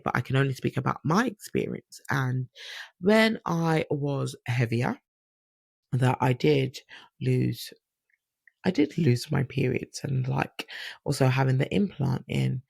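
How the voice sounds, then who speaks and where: A woman hosting a solo podcast, telling stories in an animated, chatty way. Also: very deep voice, vocal fry, breathy edge, dry recording. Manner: chatty, animated, acts out quoted dialogue. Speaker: podcast host. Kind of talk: casual solo podcast storytelling.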